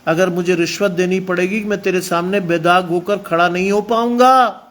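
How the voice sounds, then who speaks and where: High-voiced preacher, emphatic. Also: male voice, steady tone, moderate pace, a bit bright. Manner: mixes English phrases into emphatic preaching. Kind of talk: sermon.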